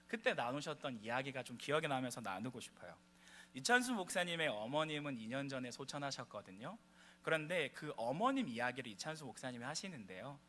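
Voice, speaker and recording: A man's voice: mid-range voice, pushed and bright, slight background noise. A young man preaching a sermon in a church, asking the congregation questions and answering them himself. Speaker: pastor. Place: church sanctuary.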